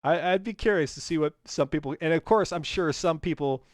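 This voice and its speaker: A man's voice: on the high side, fairly quick, no echo, clean studio sound. A man hosting a racing stream, chatting casually and joking, often restarting his sentences and laughing. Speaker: stream host.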